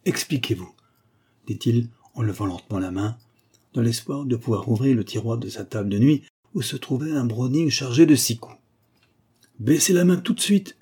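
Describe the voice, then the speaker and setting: A man narrating a detective novel in a measured, dramatic reading. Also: fairly low pitch, mellow, husky. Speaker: audiobook narrator.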